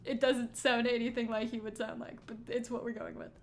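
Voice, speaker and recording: A woman's voice: a little high, level tone, brisk, a little mellow. A young woman streaming a game, chatting casually, laughing and mocking herself. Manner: giggly, self-mocking, exasperated.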